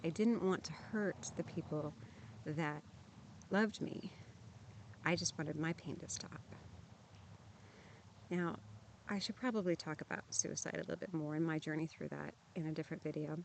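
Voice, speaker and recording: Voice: medium pitch, steady tone, normal speed, gravelly, pauses often, a little hiss or hum. Frank, earnest voice speaking outdoors at a campsite. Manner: frank, earnest, plainspoken with frequent restarts. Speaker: vlogger sharing lived experience of trauma. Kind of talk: candid personal talk to camera.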